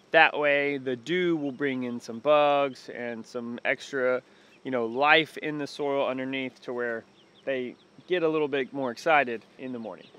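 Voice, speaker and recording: Holding a camera at arm's length outdoors, a homesteader in his thirties with a Texan accent shows off his animals in a relaxed walk-and-talk vlog. His mid-range voice has a clean tone, and he chats excitably, even talking to the animals.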